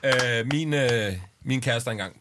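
A man's voice: medium pitch, heavy background noise. A man co-hosting a casual podcast, chatting and chiming in with short agreements. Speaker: podcast co-host. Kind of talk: casual chat.

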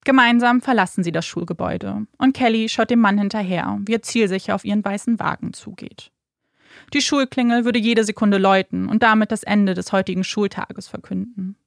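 A woman narrates a true-crime story in a measured, dramatic way. Her voice has a gravelly fry, recorded close and dry with no room around it. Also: mid-range voice, dry recording. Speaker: podcast narrator.

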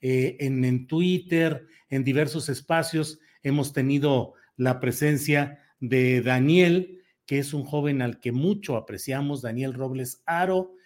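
A man hosting a news show, presenting conversationally in a halting, wordy way with repeated phrases. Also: medium pitch, darkish tone.

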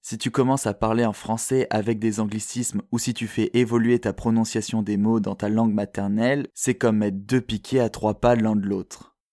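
A man from France with a French accent, hosting a podcast in a calm, reflective, measured way, as scripted narration. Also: lowish voice, no echo, clean studio sound. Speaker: podcast host.

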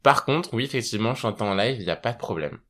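A man's voice: medium pitch, lively intonation, fast, a bit bright. A man appearing as a guest in a casual podcast chat, talking about performing and mocking himself with a laugh. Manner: chatty, self-mocking, laughs often.

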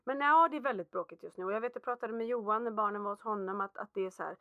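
A mother chatting casually, telling animated stories from home and acting out quotes. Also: medium pitch, clean tone, no echo, narrow, tinny audio. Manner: animated storytelling, acts out quotes. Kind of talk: casual chat.

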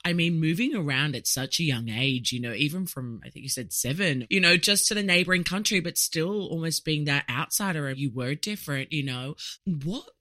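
Enthusiastic podcast host, bright voice, dry booth sound. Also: mid-range voice, animated, moderate pace, no echo. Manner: gushing, enthusiastic, many "you know" fillers. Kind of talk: upbeat interview hosting.

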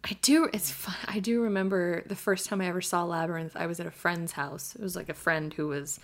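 A woman's voice: fairly low pitch, steady tone, a little fast. A woman in her thirties co-hosting a podcast, telling a story in casual chat, laughing often and acting out quotes. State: hiccups. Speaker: podcast co-host.

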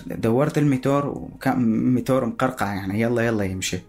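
A man with a Syrian Arabic accent giving personal spoken testimony in a halting way, searching for words. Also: mid-range voice, a little mellow.

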